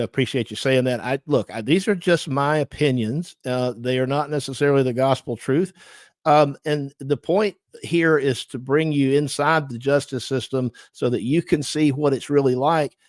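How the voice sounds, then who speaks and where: A man's voice: mid-range voice, moderate pace, no echo. Southern US host, middle-aged guy, chatty and easygoing, dry close sound. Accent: Southern US, Georgia. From Georgia, USA. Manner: chatty, thanks viewers, frequent fillers. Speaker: livestream host and lawyer. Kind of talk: casual livestream commentary.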